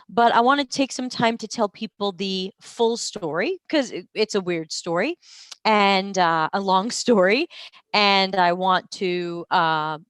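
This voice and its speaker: A woman's voice: medium pitch, no echo. A woman in her forties telling her career story in a casual live-stream monologue, chatty and self-deprecating, with many ums and uhs. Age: 40s.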